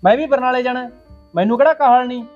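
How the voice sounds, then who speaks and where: A man's voice: very high-pitched, dull audio, soft background music. An actor playing a grown son who complains about his mother and wants to wash first, in a village comedy drama. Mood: complaining. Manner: complaining, quick. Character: grumbling grown son in a hurry.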